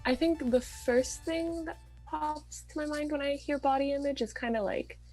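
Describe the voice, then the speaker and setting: A woman's voice: high-pitched, fairly even intonation, moderate pace, darkish tone, soft background music, poor audio. A nineteen-year-old woman interviewed over a video call, answering briefly and hesitantly, her voice dropping at the ends. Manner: brief, hesitant, drops in volume.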